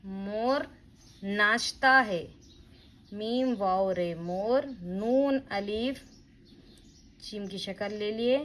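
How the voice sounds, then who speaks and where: A woman's voice: medium pitch, drawn-out words, pauses often, a bit bright, poor audio. A woman teaching a beginner reading lesson, spelling words out letter by letter and repeating them patiently. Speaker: Urdu teacher.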